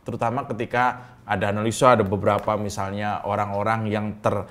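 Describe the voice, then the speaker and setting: A man's voice: fairly low pitch, little pitch movement, fairly quick. A man co-hosting a casual political chat, bantering, laughing often. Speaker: co-host.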